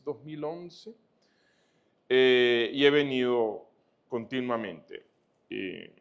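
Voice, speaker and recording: A man from Venezuela giving a formal lecture as guest speaker, courteous and often pausing on "eh". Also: medium pitch. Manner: courteous, with frequent "eh" hesitations. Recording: dull lo-fi sound.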